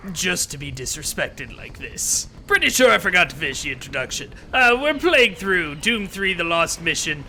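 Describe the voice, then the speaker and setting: A smug, self-important villain, as a man puts him on, sneers through his game commentary with hammy theatrical flair. His voice sits high and swoops widely between sarcastic lows and dramatic peaks. The tone is very bright and cutting. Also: slight background noise, heavily acted, low-quality recording. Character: pompous gloating male demon-scientist villain, self-important. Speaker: let's play host.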